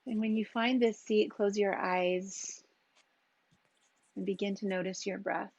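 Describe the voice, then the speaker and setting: A woman leads a yoga and meditation session in an unhurried, soothing voice, letting long pauses fall between her cues. The sound is dry and close, with a slightly dull, muffled tone. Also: mid-range voice, slightly rough, no echo. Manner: calm, slow, gentle cues with long pauses. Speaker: yoga teacher. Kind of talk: guided yoga and meditation instruction.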